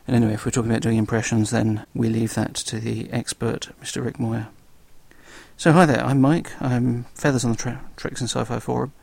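Fast-talking South London man, slightly gravelly. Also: mid-range voice, level tone, a little mellow, no room sound. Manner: self-deprecating, dry humour. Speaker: guest podcast host. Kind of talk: casual solo podcast talk.

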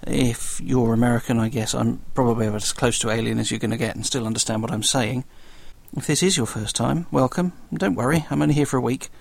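A man with a South London accent talks quickly and casually as a stand-in podcast host. His voice has a creaky edge and is recorded close and dry. He keeps up a wry, self-deprecating humour. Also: medium pitch, no room sound. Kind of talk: casual solo podcast talk.

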